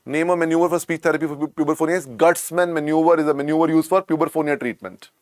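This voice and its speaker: A man with an Indian English accent lectures to medical exam students. He repeats every key point and keeps coaxing the class along. His voice sits a little high for a man and is recorded dry and close, with no room sound. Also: steady tone, fast talker, no echo. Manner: repetitive, coaxing, keeps adding "beta" to drill points.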